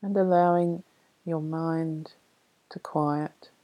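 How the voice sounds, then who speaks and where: A woman leading a guided meditation in a soft, soothing, unhurried way with long pauses. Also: sits low, steady tone, low-quality recording. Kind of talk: guided meditation narration, reading a poem.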